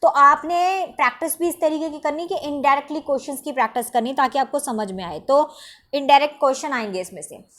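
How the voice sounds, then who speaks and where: High-pitched female teacher giving a step-by-step exam-prep lecture, checks in with "ठीक है?" after each point. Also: fairly quick, a bit bright. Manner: explains step by step, asks and answers her own questions, says "ठीक है?" often.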